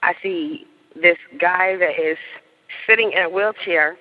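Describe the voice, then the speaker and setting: Through narrow, tinny audio comes a fairly low-pitched woman speaking a little slowly. She's in her thirties and being interviewed, sharing a story casually with lots of laughter. She animatedly acts out other people's quotes.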